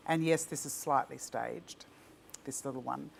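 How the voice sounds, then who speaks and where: A woman's voice: very deep voice, measured pace, creaky, a little hiss or hum. An Australian woman who founded a ceramics company, chatting enthusiastically in an interview with frequent restarts. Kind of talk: casual interview chat. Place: virtual talk, faint room ambience.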